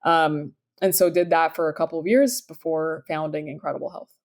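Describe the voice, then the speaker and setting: Low-voiced Sudanese-born woman founder. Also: fairly even intonation, fairly quick, a little mellow. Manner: upbeat, enthusiastic, frequent fillers. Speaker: startup founder, guest. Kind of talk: conversational interview answers.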